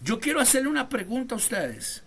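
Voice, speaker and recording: Apostle-teacher, bright forceful voice, emphatic preaching style, remote class on a video call. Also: medium pitch, big pitch swings, fairly quick. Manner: emphatic, calls on listeners by name, rhetorical questions. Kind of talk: fervent preaching lesson to students.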